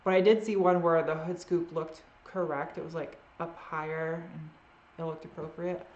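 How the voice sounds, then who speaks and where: A woman's voice: sits low, flat delivery, moderate pace, a little mellow, roomy sound, lo-fi sound. A woman with a trace of a Boston accent hosting a live Q&A, chatting casually and trailing off often as she answers viewer questions. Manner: rambling and unsure, often trailing off.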